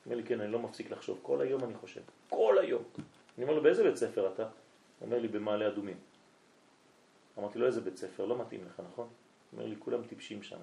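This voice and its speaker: A man's voice: fairly low pitch, vocal fry, darkish tone. A man, a rabbi, telling a story during a night lesson and acting out both sides of a conversation. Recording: echoey room.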